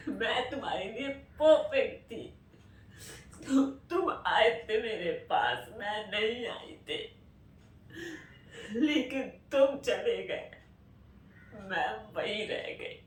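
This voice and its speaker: A woman auditioning as a heartbroken, rejected young woman, speaking in a pleading, halting, emotional way. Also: a little high. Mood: bitter. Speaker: actor auditioning. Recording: roomy, far from mic, faint ambience.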